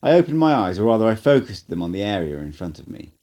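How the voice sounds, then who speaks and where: Reading aloud as a hobbyist, a man narrates his own first-person tale at a fast clip. The voice sits on the low side but swings through a wide pitch range, with a dramatic, expressive style.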